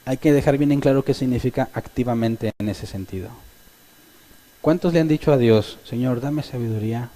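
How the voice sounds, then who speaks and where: Animated man preaching a sermon. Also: medium pitch, normal speed. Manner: animated, acts out quoted voices of the congregation. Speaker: pastor.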